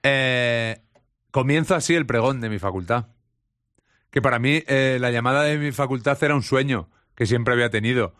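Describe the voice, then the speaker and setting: A man, hosting a radio show and telling anecdotes in a lively, laughing way. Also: medium pitch, normal speed, dry recording, clean studio sound. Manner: animated storyteller, laughs often. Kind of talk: casual chat.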